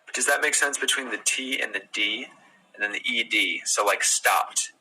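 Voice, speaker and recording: A man with an American accent giving a relaxed pronunciation lesson, repeating words slowly and drawing out each sound. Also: medium pitch, a little hiss or hum, poor audio. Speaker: pronunciation teacher.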